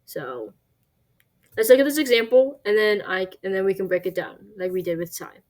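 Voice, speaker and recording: A woman's voice: medium pitch, expressive, a little mellow. Woman teaching a recorded language lesson. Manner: explains slowly with many fillers and restarts, checks in with "right?".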